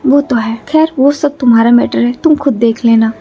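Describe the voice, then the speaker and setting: A woman voicing a calm, teasing young man in a storybook reading. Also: a little high, normal speed, slightly rough.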